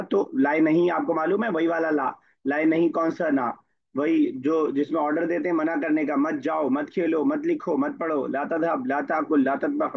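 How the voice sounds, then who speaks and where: A man's voice: fairly high pitch, creaky, slightly rough, highs cut off. A man teaching an online Arabic grammar class, explaining patiently and quizzing his students by name.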